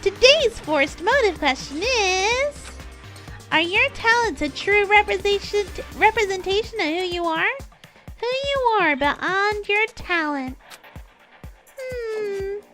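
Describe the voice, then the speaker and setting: A woman's voice: very high-pitched, lively intonation, slow, fairly bright tone, soft background music, voice pushed up, exaggerated voice. A woman voicing a gleefully sinister killing game announcer, mocking and singsong, toying with captives in a theatrical villain announcement. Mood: mockingly cheerful.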